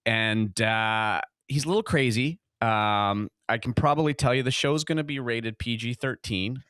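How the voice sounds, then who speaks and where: A man's voice: medium pitch, fairly bright tone, dry recording, clean studio sound. A man hosting a podcast interview, talking casually with many fillers and restarts. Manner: halting, full of fillers and restarts. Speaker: podcast host.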